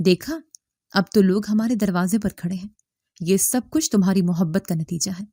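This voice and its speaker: A woman's voice: medium pitch, dark tone, dry recording, clean studio sound, close to an everyday voice. A woman voicing an angry, stern middle-aged father in a spoken story, reading his lines in a harsh, scolding manner. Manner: scolding, bitter.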